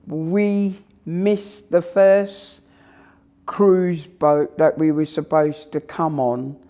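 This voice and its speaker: An older woman from Saint Lucia, telling of her arrival in a slow, halting way in a documentary interview. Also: sits low, mellow.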